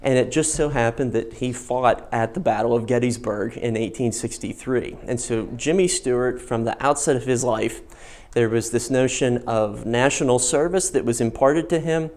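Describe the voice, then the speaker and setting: A man hosting an informal on-location guided tour, explaining history in measured, emphatic phrases. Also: medium pitch, a little mellow. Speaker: host of a history and film channel, guiding a museum tour. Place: inside a museum gallery.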